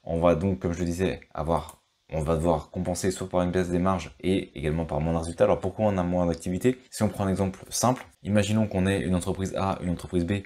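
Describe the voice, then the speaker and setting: French male finance vlogger, low and mellow voice, loose unscripted delivery full of hesitations. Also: steady tone, quick pace. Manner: thinks aloud with frequent fillers and restarts. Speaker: stock market youtuber. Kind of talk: casual explainer commentary.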